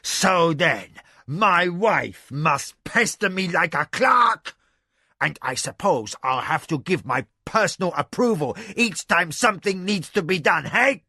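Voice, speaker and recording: A man voicing a hot-tempered, domineering lord who shouts at his wife, in a raspy, gravelly voice. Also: mid-range voice, big pitch swings, takes it slowly, dry recording, studio quality, exaggerated voice. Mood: irritated.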